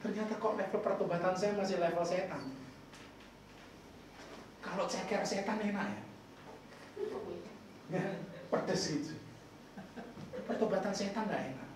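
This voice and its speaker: High-voiced preacher in an echoey church. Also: male voice, measured pace, pauses often, noisy background. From Indonesia. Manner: playful, teasing the congregation with questions. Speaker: pastor. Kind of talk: sermon. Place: church hall. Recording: echoey hall, far from the mic.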